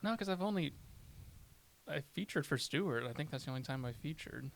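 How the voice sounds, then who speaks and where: Gravelly-voiced man telling comedy stories. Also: on the high side, animated, brisk. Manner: rambling, storytelling, swears often. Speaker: stand-up comedian, podcast guest. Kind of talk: casual chat.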